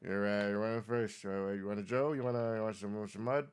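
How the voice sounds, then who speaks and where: Very old man, acted by a man, low voice, muddled, halting, repetitive, folksy tabletop character. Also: steady tone, clean tone, lightly acted. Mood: halting, friendly. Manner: muddled, repeats himself, halting folksy talk. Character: very old rambling man running a roadside diner.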